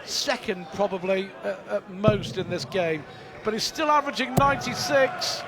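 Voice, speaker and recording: High-voiced male darts commentator. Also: normal speed. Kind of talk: live sports commentary, analytical and conversational. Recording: clear crowd noise behind commentary. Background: arena crowd.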